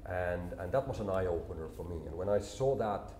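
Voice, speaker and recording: A deep-voiced Finnish man in his forties, a native Finnish speaker, appears as a company CEO guest in a business interview. He explains things calmly and in a measured way. The recording has a roomy echo, faint ambience, and slight background noise.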